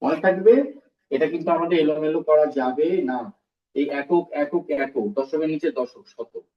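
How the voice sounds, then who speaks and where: In a recorded primary school math lesson, a fairly high-voiced man teaches slowly, step by step, repeating terms and regularly questioning the pupils. He sounds far from the mic in an echoey room, with a dull, muffled tone.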